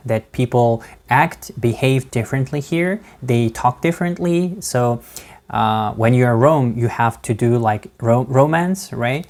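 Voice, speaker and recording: In a medium-pitched, slightly mellow voice, a man talks to camera about his studies in a casual vlog. English isn't his first language and he has a non-native accent; he speaks haltingly with many fillers and restarts, laughing between words.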